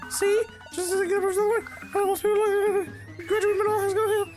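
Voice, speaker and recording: A man voicing a cute, hot-tempered teenage girl in a visual novel, shrill and bratty. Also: little pitch movement, normal speed, music in the background. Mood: mocking.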